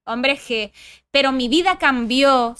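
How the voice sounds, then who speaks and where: A woman's voice: high-pitched, slow, pushed and bright, clean tone. A woman with a Spanish accent, a podcast guest chatting casually and eagerly in an interview, talking through interruptions. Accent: Spanish regional accent. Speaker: podcast guest, former reality show contestant.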